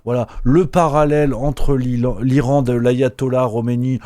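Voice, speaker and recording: A man's voice: medium pitch, steady tone, normal speed, warm tone, no echo, clean studio sound. A man hosting a satirical news show, mocking and sarcastic, rambling with lots of fillers. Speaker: show host.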